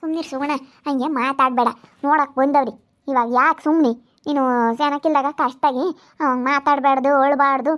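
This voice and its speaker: A woman's voice: high-pitched, fairly even intonation, brisk, a bit bright. A woman acting in a village family drama, talking in a soothing yet firm, scolding way.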